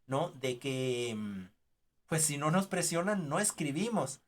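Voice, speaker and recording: A man with a Mexican Spanish accent leads a graduate research session over a video call. He talks in a loose, conversational way, keeps checking in with tag questions and fills pauses with little hesitations. The sound is an ordinary computer microphone in a home setting. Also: fairly high pitch, very animated. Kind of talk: online class, telling a personal anecdote. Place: home, remote online class. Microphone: computer mic on a video call.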